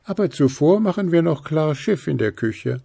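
A man putting on a bright laughing elf girl. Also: fairly high pitch, expressive, moderate pace, gravelly, breathy edge, no echo, voice pushed up, full character voice. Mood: cheerful. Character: cheerful young female elf girl.

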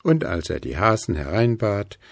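A man slowly and expressively reading a children's story aloud. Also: fairly low pitch, no room sound, clean studio sound. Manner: slow and expressive. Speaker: narrator.

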